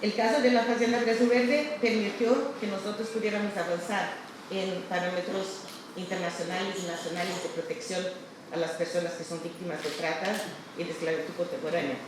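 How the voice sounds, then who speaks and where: A woman with a Brazilian accent, a native Portuguese speaker, gives a halting acceptance speech in Spanish mixed with Portuguese, correcting herself as she goes. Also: on the low side, fairly even intonation. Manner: halting, with hesitations and self-corrections. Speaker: award recipient. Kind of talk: acceptance speech, semi-improvised. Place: large echoey room at a ceremony. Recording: distant, very echoey hall, background noise.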